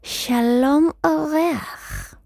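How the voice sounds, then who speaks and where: A woman voicing an old, crooked, thin male wizard in a children's storybook, with a muffled, squeaky voice that barely moves the lips and a riddling, drawn-out singsong. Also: creaky, a little mellow, no echo, clean studio sound. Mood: sly, riddling. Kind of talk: storybook character voice.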